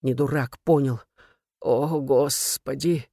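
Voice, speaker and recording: A reader voicing a gruff, blunt, tired middle-aged father who speaks curtly. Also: medium pitch, steady tone, takes it slowly, mellow, no echo, studio quality. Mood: grim. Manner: curt, growling.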